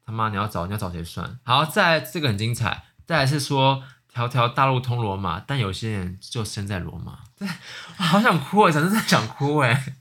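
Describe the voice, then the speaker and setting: A woman's voice: rumbling low, big pitch swings, a little fast, hardly any pauses, fairly bright tone. A woman with a Taiwanese Mandarin accent co-hosting a podcast in casual chat, blunt and swearing freely. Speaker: podcast co-host.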